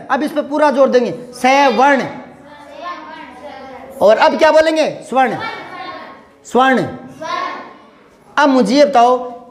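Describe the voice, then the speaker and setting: A male teacher giving a grammar lesson to a class. He patiently drills words again and again, calls the pupils "beta" and keeps asking them questions. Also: very high voice.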